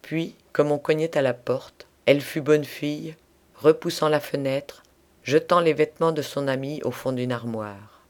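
Male audiobook narrator, measured and expressive literary reading. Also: fairly high pitch.

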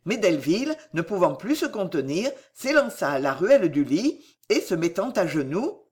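Highly animated male audiobook narrator. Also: moderate pace, husky. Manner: expressive, dramatic reading.

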